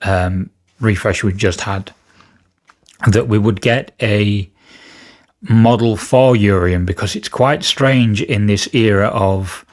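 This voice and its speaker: A man hosting a wargaming channel, chatting casually about rumours to camera, just woken up with a slightly rough voice, hedging and correcting himself with fillers. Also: lowish voice.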